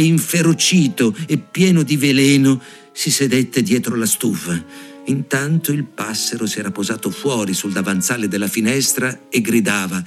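A man reading a fairy tale aloud, with expressive storytelling. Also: medium pitch. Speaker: reader.

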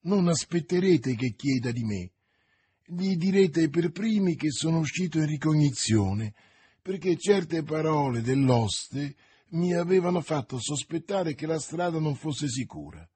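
A man voicing a composed, secretive musketeer in an audiobook, speaking low and hushed. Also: animated, a little slow, slightly rough.

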